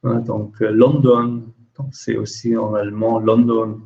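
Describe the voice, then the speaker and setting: A man teaching a language lesson, explaining slowly with many hesitations and repeating example phrases. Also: fairly low pitch, level tone, gravelly, warm tone. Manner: slow, hesitant, many fillers. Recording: dull lo-fi recording.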